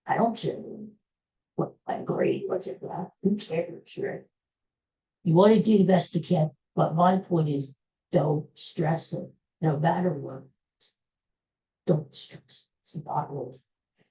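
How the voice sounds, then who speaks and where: A woman hosts a casual podcast solo, her voice low and warm, moving at a slow pace with frequent pauses on a rough recording. She rambles through folksy life advice, restarts often, and addresses her listeners as folks.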